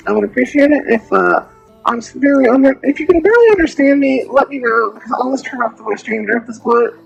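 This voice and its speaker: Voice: high-pitched, lively intonation, fast talker, gravelly, breathy edge, no echo, dull audio, faint music behind. A VTuber streamer talking through a voice changer filter, chatting casually with viewers while gaming and often trailing off mid-sentence.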